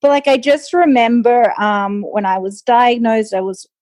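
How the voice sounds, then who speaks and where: A woman with an Australian accent speaks as a guest in a casual interview. She talks in a relaxed, easy way, often saying um and like. The sound is close and dry. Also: a little high, moderate pace, no echo. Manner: relaxed, frequent ums and likes. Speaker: guest, nutritionist.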